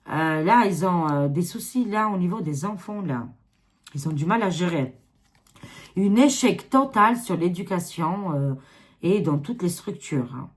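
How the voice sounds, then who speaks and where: A woman with an Albanian accent reading tarot cards to camera in a rambling, casual way, dropping many fillers. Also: lowish voice. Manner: rambling, filler-heavy, repeats 'hein'. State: tired. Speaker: tarot reader.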